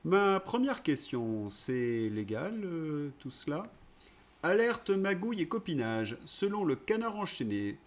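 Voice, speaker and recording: A man's voice: mid-range voice, husky. A man hosting his own political commentary channel, delivering an indignant, sarcastic monologue.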